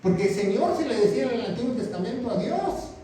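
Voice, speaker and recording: A man delivers a sermon in a high, mellow voice. He acts out the quotes and keeps asking his listeners to agree. The sound is distant and booming, with faint noise underneath. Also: quick pace. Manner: animated, acts out quotes, asks the audience for agreement. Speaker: pastor. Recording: echoey room, mic at a distance.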